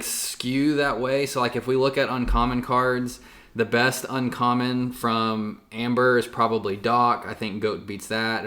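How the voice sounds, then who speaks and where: Low-voiced guy, bright sound, casual podcast chat full of ums. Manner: chatty, lots of fillers and restarts. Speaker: podcast co-host.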